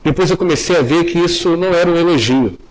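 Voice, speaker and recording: A young man delivers a sermon in an earnest tone. His voice sits high for a man. He often sinks low and soft when he turns to address the congregation. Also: fast talker, poor audio. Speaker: preacher.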